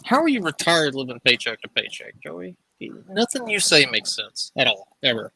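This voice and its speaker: A man's voice: on the high side, sing-song, normal speed, vocal fry, sharp tone, rough recording. A man hosting a stream, reacting to a clip with sarcastic, teasing commentary. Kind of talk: casual mocking commentary.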